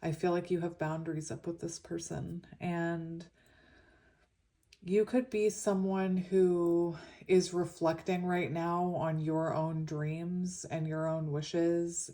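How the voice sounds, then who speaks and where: Mellow lower-voiced woman with a slushy lisp. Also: steady tone, slow pace. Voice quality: lisp from wearing a retainer, slushy s sounds. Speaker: tarot reader. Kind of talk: casual pick-a-card tarot reading.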